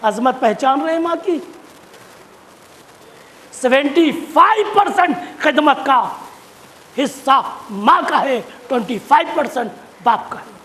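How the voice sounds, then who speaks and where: A man preaching a sermon, repeating phrases for emphasis and rising to shouts at key points. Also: very high-pitched, expressive, pauses often. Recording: long hall reverb.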